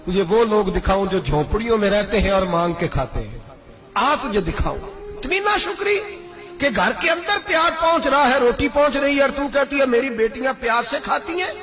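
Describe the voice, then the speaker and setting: A male preacher voicing a stern, pious male ruler who rebukes his wife in a loud outburst. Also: sits high, poor audio.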